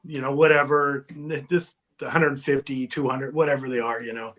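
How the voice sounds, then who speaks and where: A man in casual round-table chat, halting and often trailing off mid-thought. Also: mid-range voice, fairly even intonation, a bit bright.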